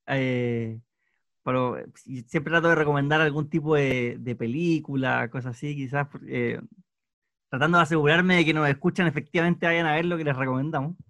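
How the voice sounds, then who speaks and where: A male host with a fairly high voice, recorded dry and close with no room sound. He leads a casual discussion. He talks hesitantly, restarting his phrases again and again. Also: a bit bright, no room sound.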